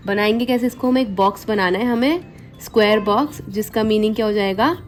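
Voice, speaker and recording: A woman teaching the Korean alphabet, slowly repeating each sound and giving memory tricks. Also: mid-range voice, faint music behind. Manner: slow, repetitive, spells out sounds and mnemonics. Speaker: language teacher.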